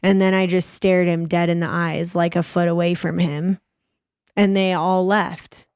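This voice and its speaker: Animated swearing woman podcast co-host. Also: fairly low pitch, measured pace, clean tone, dry recording, studio quality. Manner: animated, swears freely, acts out quotes. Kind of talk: casual storytelling chat. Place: podcast studio.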